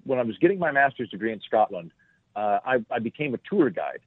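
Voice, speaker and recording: A man's voice: mid-range voice, very animated, quick pace, dry recording. A male comedian telling a rambling, self-deprecating story as a podcast guest, on a tinny, dry phone-like line.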